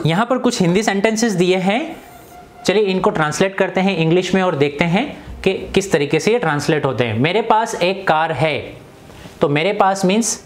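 A young man teaching an English grammar lesson in Hindi. He often asks the class questions and repeats each example sentence slowly. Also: fairly high pitch.

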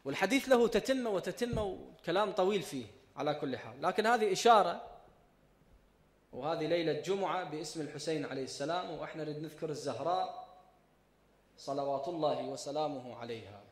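A man with an Iraqi Arabic accent preaching a mourning sermon, impassioned and swinging between hushed and loud delivery. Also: fairly high pitch, expressive, fast talker. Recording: echoey hall reverb.

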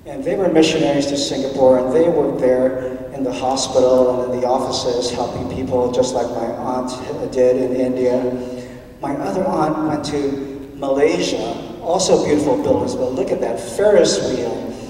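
A man's voice: medium pitch, fairly even intonation, moderate pace, dark tone, a little hiss or hum. A man giving a children's story in church, asking the kids questions as he talks. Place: large church sanctuary. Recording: echoey church hall from far off.

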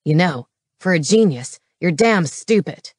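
A man's voice: on the high side, animated, unhurried, no room sound, clean studio sound. A woman voicing a cold, scornful older male werewolf villain in an audiobook. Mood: sneering. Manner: sneering, cold. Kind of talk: audiobook character voice.

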